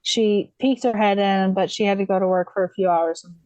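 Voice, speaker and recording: A podcast guest from the USA tells her story in a casual, meandering way, stopping and restarting her sentences and filling gaps with little ums. Her voice is medium-pitched. It sits close and dry, with no room sound around it. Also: steady tone, a little fast, a little mellow, no room sound, highs cut off. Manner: rambling, many fillers and restarts; laughs lightly while telling.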